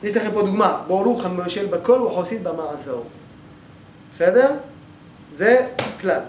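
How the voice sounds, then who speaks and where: A male teacher giving a grammar class in a synagogue hall, explaining step by step and often checking that the class follows. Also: sits high. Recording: echoey room, faint background noise.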